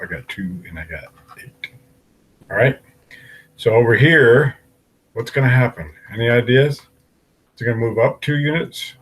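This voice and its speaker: A man's voice: fairly low pitch, husky, poor audio. A man teaching an algebra lesson, working through graphs step by step and asking the class questions aloud. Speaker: math teacher.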